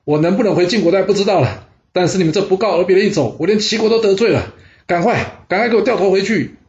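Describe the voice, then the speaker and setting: A hot-headed young prince yelling in outrage, as a male storyteller puts him on, his voice pushed up high and loud over a slightly muffled lo-fi recording. He sounds stung and demanding. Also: fast talker, roomy sound, lightly acted. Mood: furious. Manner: indignant shouting. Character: proud young prince, quick to anger.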